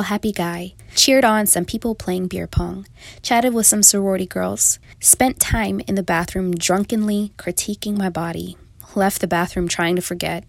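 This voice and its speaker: A woman's voice: mid-range voice, vocal fry, no room sound. Reflective woman narrating a memoir. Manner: reflective, confessional. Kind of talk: first-person memoir narration.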